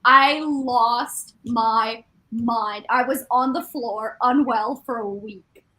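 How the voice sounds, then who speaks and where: Here a young adult woman, raised in a small French-Canadian town, talks informally in a live reading stream's group chat, exclaiming and cursing freely. The audio is poor; her slow voice leans high and has a sharp edge.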